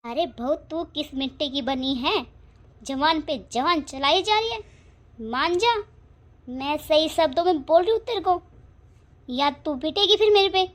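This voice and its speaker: A woman voicing a sharp-tongued, scolding mother-in-law in an animated family drama, bossy and quick to threaten. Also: high-pitched. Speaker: voice actor. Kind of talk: cartoon family drama acting.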